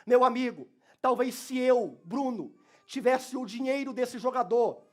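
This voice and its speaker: High-voiced pastor preaching passionately. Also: male voice, measured pace. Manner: passionate preaching, swings from soft to shouted. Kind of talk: sermon. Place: church.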